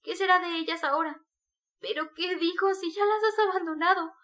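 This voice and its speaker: A woman's voice: fairly high pitch, flat delivery, a little fast, fairly bright tone, close to an everyday voice. A woman reading the part of a devout, desperate young woman who pleads with tearful urgency. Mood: pleading.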